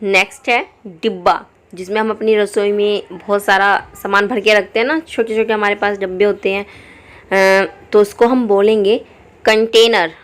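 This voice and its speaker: A woman teaching English words for kitchen items in Hindi, repeating each word slowly and clearly. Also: medium pitch. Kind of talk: vocabulary lesson.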